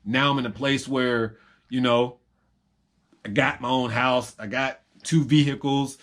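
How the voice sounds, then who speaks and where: A man's voice: mid-range voice, fairly even intonation, a little slow, a bit bright. A young man in a rambling, reflective personal monologue to camera, full of ums and repeated phrases. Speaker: vlogger.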